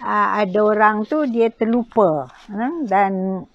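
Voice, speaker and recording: A woman with a Malaysian accent teaching poetry recitation in an informal lecture, halting often and adding little checking tags. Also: mid-range voice, dull audio. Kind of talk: informal spoken lecture with examples.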